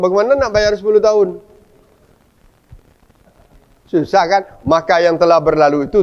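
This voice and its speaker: A man giving a study sermon at a mosque, animated, often putting rhetorical questions to his listeners. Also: fairly high pitch, highs cut off. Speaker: preacher.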